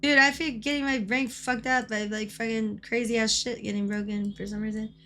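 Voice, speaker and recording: A chatty, excitable woman game streamer with a bright, fairly high voice that is hoarse from coughing. She talks casually, repeats her phrases and swears freely, with music playing along. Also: brisk. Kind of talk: casual live-stream chat.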